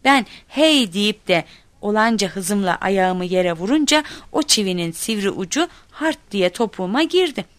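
Lively woman storyteller, dry close sound. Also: medium pitch, normal speed, no echo. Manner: lively, acts out quoted shouts. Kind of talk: expressive storytelling narration.

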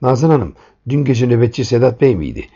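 Guy doing a big polite hotel security man, measured and stern, raspy and gravelly. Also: mid-range voice, sing-song, mellow. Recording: dull lo-fi recording.

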